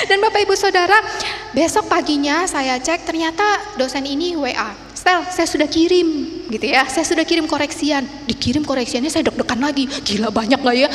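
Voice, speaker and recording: Young woman evangelist, animated and chatty pulpit delivery, faint room hum. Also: sits high. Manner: animated, conversational, swings from loud to soft. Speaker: evangelist preacher. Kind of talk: sermon with personal story. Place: church sanctuary. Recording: long church reverb, faint room noise.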